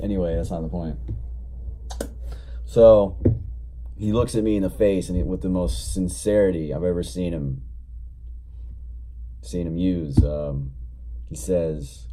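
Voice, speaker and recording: A man's voice: deep voice, steady tone, moderate pace, pauses often, noisy background. A young man casually telling a story in a rambling, profane, laid-back way, still recovering from being sick. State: recovering from illness, coughing. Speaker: vlogger.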